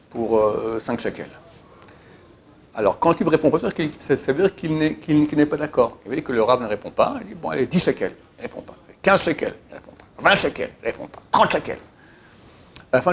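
Fairly high in pitch with vocal fry, his voice carries a little hiss or hum. He teaches an informal Torah class through anecdotes, animated and emphatically repetitive. He hesitates often, frequently using "euh."

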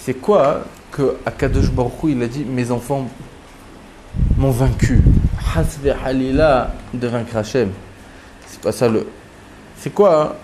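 A man teaching a Talmud story, acting out the quotes with big jumps in pitch. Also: a little slow, pauses often, background noise. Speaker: Torah teacher. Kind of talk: lively Talmud story lesson.

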